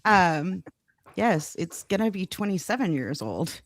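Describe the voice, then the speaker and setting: A woman's voice: fairly low pitch, very animated, unhurried, no room sound. A woman co-hosting a music podcast, chatting casually and playfully and laughing easily. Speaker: podcast co-host. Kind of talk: casual chat about music.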